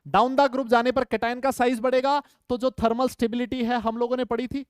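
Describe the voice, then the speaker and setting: A man's voice: very high-pitched, level tone, a little fast, clear, resonant tone, no echo, studio quality. A man teaching a chemistry lecture, emphatic, repeating key points and checking in with his students. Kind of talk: online lecture.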